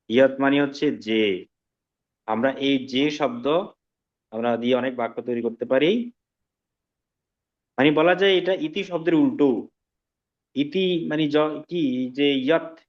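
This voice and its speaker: A man teaching an online language class, explaining slowly and often checking that students follow. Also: mid-range voice, highs cut off. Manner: slow, patient explaining with frequent check-ins to students. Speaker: Sanskrit teacher.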